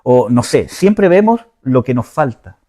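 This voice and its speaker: Guy preaching casually, mellow tone, searching for words as he goes. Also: mid-range voice, sing-song, measured pace. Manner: informal, checks in with listeners often, searches for words aloud. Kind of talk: conversational teaching sermon.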